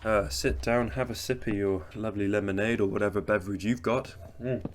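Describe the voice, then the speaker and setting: A man's voice: fairly low pitch, fairly even intonation, brisk, background noise. A young man talking through his gameplay in a sleepy, rambling, self-mocking way, yawning between remarks. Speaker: gaming channel host. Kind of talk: relaxed gameplay commentary voice-over.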